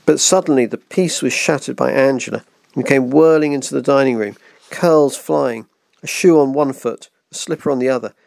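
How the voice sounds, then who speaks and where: Man, book club host, reading aloud gently, gravelly voice, dry close sound. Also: mid-range voice, moderate pace, dry recording. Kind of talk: reading a children's novel aloud.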